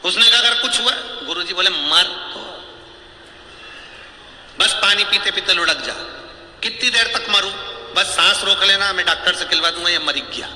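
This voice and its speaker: A man delivers a devotional sermon in a bright, piercing voice pitched a little high, spinning a comic tale and slipping into each character's voice. He is recorded in a big, resonant hall with a long reverb tail and faint ambience behind him. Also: moderate pace, pauses often, a little hiss or hum. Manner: lively storytelling, acting out characters' voices; humorous, teasing asides. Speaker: religious storyteller preacher.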